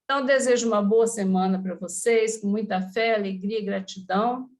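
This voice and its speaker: A woman's voice: mid-range voice, brisk, a little mellow. A woman giving an informal spiritist lecture in Brazilian Portuguese, chatty, with frequent asides to her listeners.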